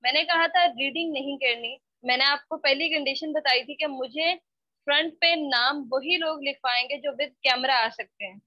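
High-voiced woman teacher scolding her class. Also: moderate pace, dry recording. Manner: scolding, mixes Hindi-Urdu with English. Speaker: spoken English teacher. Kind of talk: online class lecture. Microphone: computer mic on a video call. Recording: dull, dry online-call audio.

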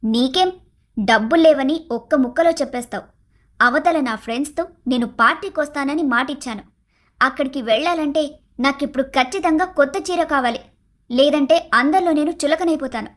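A woman voicing a shrill, demanding young wife. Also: normal speed, lightly acted. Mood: complaining. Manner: complaining, shouting, taunting. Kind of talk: animated cartoon story voice acting.

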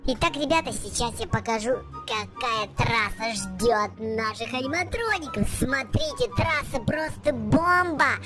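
A video host giving excited game commentary for kids in an exclamatory way, repeating words in bursts. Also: medium pitch, measured pace, few pauses, music in the background.

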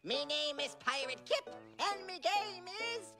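An actor voicing a playful baby boy wallaby who plays pirate, in a preschool cartoon, with bouncy, excitable mock-pirate talk. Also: sits high, measured pace, music in the background. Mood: pirate swagger.

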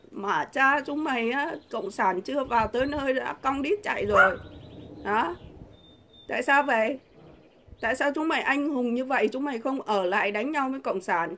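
A woman's voice: fairly high pitch, a bit bright, a little hiss or hum. A middle-aged woman, delivering a combative, insulting vlog rant full of rhetorical questions. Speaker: vlogger. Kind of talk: angry political rant to camera.

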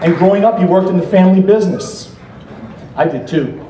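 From the podium of a banquet hall stage, a middle-aged American man formally introduces a political gala's keynote speaker, measured and earnest with light jokes now and then. His voice sits high. The recording, filmed across the room off the podium microphone, is echoey and distant with heavy background noise.

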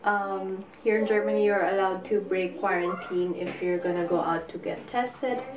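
A woman's voice: medium pitch, steady tone, moderate pace, a crowd in the background. A young woman with a Filipino accent chatting casually to a camera, mixing Tagalog into English and trailing off. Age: young adult. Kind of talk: casual chat vlog. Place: apartment kitchen indoors. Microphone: camera at arm's length. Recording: roomy kitchen, light background noise.

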